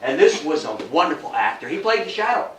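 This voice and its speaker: Here the older American guest lecturer on old-time radio history tells stories quickly and in a sing-song way, still folksy and emphatic, in an informal indoor talk at a historical society. His voice runs a little high for a man, captured from a distance in a spacious room with faint background noise.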